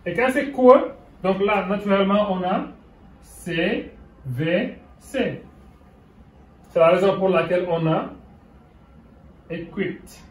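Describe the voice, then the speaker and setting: A Senegalese man with a Senegalese French accent and Wolof as his first language gives a whiteboard grammar lesson, moving between French and English. His voice sits a little high and he speaks slowly and deliberately. He is heard from a distance in a roomy, echoing space. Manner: mixes French and English, checks in with "okay?". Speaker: English teacher. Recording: roomy sound from away from the mic.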